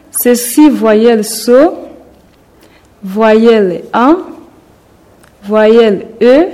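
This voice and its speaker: A radio teacher giving a primary-school grammar lesson, repeating each point slowly. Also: medium pitch, dark tone, rough recording.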